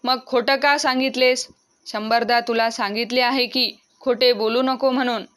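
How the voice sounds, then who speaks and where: A woman's voice: fairly high pitch, steady tone, moderate pace, fairly bright tone, lightly acted. A woman voicing a strict village father who scolds his son, in a storybook reading. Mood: angry.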